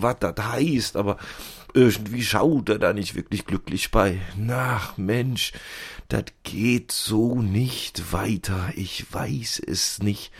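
A man doing a gravelly Rhineland lab helper. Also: on the low side, full character voice. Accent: Rhineland German. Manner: rambling, fumbling for names, complaining. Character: gossipy grumbling male lab assistant. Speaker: podcast character. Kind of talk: comic character monologue.

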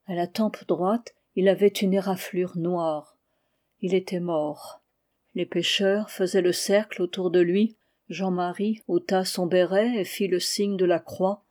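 Woman reading a novel aloud, mellow dark tone, steady pace, gets louder on the shouts. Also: a little slow. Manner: steady reading, louder and higher for quoted cries. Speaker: audiobook reader. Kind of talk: scripted narration of a novel.

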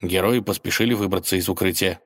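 A man narrating a children's story in a lively, expressive way. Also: sits low, fast talker.

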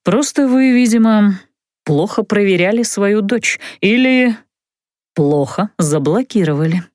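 A woman voicing a mocking, smug young male mage in an audiobook, speaking calmly and teasingly in a lowered voice. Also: dry recording, studio quality, lightly acted. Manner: calm, teasing, unhurried. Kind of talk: audiobook character voice.

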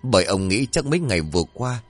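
Lively low-voiced male storyteller. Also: fast, faint music behind. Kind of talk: scripted ghost story narration.

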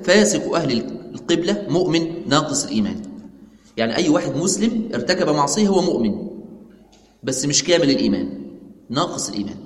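A man with an Egyptian Arabic accent teaching a religious lesson, asking his class questions and answering them himself, repeating the key points. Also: a little high. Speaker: sheikh teaching a religious text. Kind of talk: religious lesson explaining a text. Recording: echoey hall.

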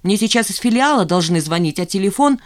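A woman voicing a sharp-tongued, indignant office woman who scolds her coworkers. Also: medium pitch, lively intonation, quick pace, lightly acted. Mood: scolding indignant. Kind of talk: audiobook character voice.

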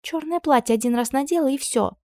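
A woman voicing a sharp-tongued young lady's maid who gossips in a dry, sarcastic way. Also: sits high, brisk, no echo, voice pushed up. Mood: scornful.

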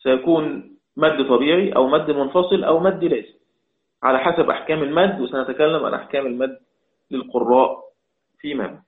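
A man with a fairly high voice and quick delivery teaches a religious lesson as a Quran recitation teacher. Asking questions and answering them, he repeats points for emphasis, heard through echoey, tinny, phone-like audio.

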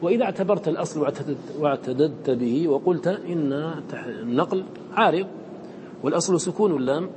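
A man's voice: fairly high pitch, animated, quick pace, noisy background. Male recitation teacher quizzing his class. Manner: asks the class questions and answers them himself; chants Quranic verses in a melodic recitation. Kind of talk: classroom lesson explaining a poem on recitation.

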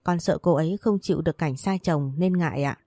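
A woman's voice: low-pitched, fairly quick, mellow, no echo, clean studio sound. A woman reading the lines of an easygoing, caring young man in a storybook in a plain read-aloud delivery.

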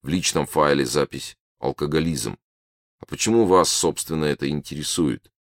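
A man reading the part of a polite, condescending male alien official who lectures smoothly. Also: extremely low pitch, normal speed, dry recording, studio quality.

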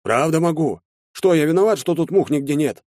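A man's voice: fairly high pitch, expressive, fairly quick, darkish tone, no room sound, studio quality, voice pushed up, natural voice. A man voicing an eager young male soldier who pleads to be believed, in a raised voice. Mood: pleading.

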